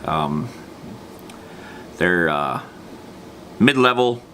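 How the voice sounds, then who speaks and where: Low-pitched and lively in his intonation, the man stretches out his words with a pushed, bright quality. As the presenter of a tabletop gaming series, he gives a loose, slangy, unscripted explainer that trails into tangents, with faint noise behind him.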